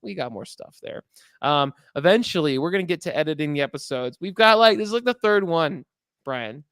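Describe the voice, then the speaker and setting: A man hosts a podcast in loose, jokey chat that wanders from point to point. His voice sits a little high and has a gravelly fry to it. He is recorded close on a mic in a dry room with no echo. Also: expressive, brisk, fairly bright tone. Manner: rambling, jokey, laughs often. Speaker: podcast host.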